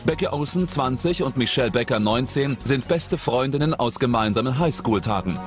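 A man narrating a documentary in a measured, suspenseful tone, his mid-pitched voice recorded cleanly in a studio. Dramatic music plays clearly beneath his scripted voice-over. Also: animated.

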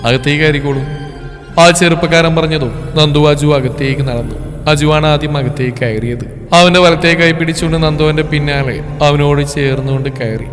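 Soft-spoken male story narrator, reverb. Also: fairly high pitch, moderate pace. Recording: long reverb with faint music.

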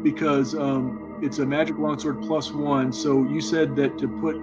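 A man's voice: a little high, little pitch movement, measured pace, over music. A man playing in a tabletop game, chatting casually and answering the game master in short, laid-back replies. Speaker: player. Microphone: video call. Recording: dull lo-fi video call audio.

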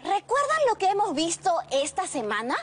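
A woman's voice: very high voice, huge pitch swings, normal speed, fairly bright tone. A woman with a Peruvian Spanish accent hosting a children's program with bubbly, enthusiastic scripted chatter. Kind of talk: cheerful scripted kids' TV hosting.

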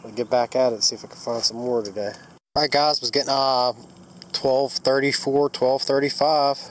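Digging outside in woods and a yard, a congested man with a cold tells viewers about his metal detecting finds, keeping it plain, upbeat and casual while he works. He speaks at a moderate pace with a steady, mid-range voice, and the low-quality recording has a bit of hiss or hum.

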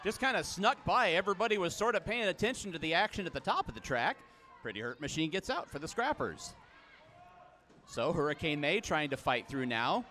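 A man calling live play-by-play, with brisk calls that jump up in pitch and loudness on big plays. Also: very animated. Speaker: play-by-play commentator. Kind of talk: live sports commentary.

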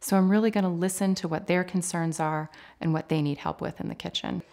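A woman in her forties, an occupational therapist, explaining things in a clear, measured, instructive way in a home kitchen. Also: lowish voice, steady tone, a little mellow. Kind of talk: explanatory interview talk.

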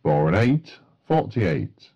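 Slow, gravelly male bingo caller. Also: lowish voice, very animated, dark tone, muffled recording. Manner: formulaic, matter-of-fact bingo caller delivery. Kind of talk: bingo calling, each number announced in a set phrase.

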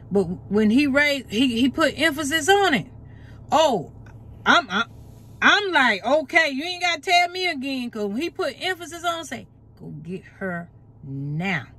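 A woman preacher delivers a prophetic word straight to her viewers, fervent and repetitive, circling back to the same points again and again. Her voice sits a little high for a woman. A faint background hum stays under her speech. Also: a bit bright. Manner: fervent, repetitive, addresses viewers as "you guys".

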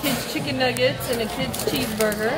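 A woman's voice: fairly high pitch, steady tone, brisk. A woman vlogger chatting casually as she films a restaurant review on a handheld phone. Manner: chatty, narrating while filming. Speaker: travel vlogger. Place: busy seafood restaurant. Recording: loud music and crowd noise behind.

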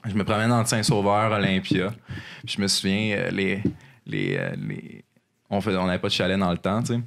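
A man's voice: deep voice, expressive, normal speed, gravelly, a bit bright, a little hiss or hum. A man in his twenties from Montreal with a Québécois accent, telling stories as a podcast guest, rambling with many fillers and restarts, at a table mic in a room. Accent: Québécois French. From Montreal, Quebec. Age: 20s. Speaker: podcast guest, alpine skier. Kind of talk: casual storytelling. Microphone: desk microphone.

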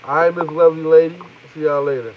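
A man with a high voice rambles through a live stream, joking and greeting viewers in loose, profane banter. The audio is dull and lo-fi. A faint hiss sits under it. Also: steady tone, fast.

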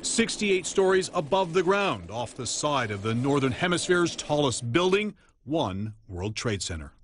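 A man's voice: a little high, very animated, measured pace, fairly bright tone, a little hiss or hum. A male field reporter narrating a scripted news package with a dramatic delivery.

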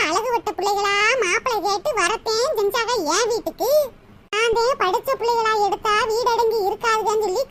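A squeaky spiteful mother-in-law. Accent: southern Tamil, Tirunelveli. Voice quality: squeaky sped-up high voice. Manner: grumbling, scornful muttering. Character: scheming village mother-in-law, older woman, spiteful. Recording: loud background noise.

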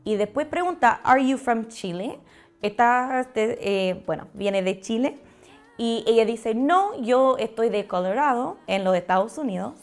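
Slow, gravelly teacher speaking Spanish. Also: female voice, a little high, animated, faint music behind. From United States. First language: English. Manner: explains slowly and clearly, repeats phrases in English then Spanish. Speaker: English teacher. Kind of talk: online language lesson.

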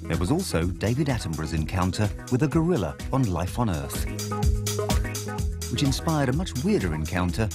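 A man giving scripted documentary narration in a measured, wry voice-over. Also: on the low side, very animated, music in the background.

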